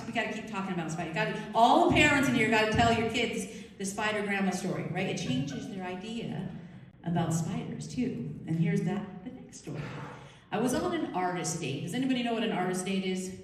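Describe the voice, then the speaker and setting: A woman tells stories to a live audience, chatty and animated, and keeps asking the room questions. Her voice is distant and carries a strong hall echo. A faint hum of room ambience sits behind her. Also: medium pitch. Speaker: speaker at a storytelling event. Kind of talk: live storytelling talk to an audience. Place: large room at a live event. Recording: echoey hall, voice from far off.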